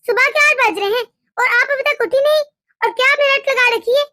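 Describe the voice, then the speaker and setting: An irritable young cartoon sister-in-law, voiced by a woman, snappy and bossy in every line. The voice is very high-pitched and sounds dry, as if recorded right at the mic. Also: a little fast, sharp tone, no room sound. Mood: irritated. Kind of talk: animated cartoon dialogue.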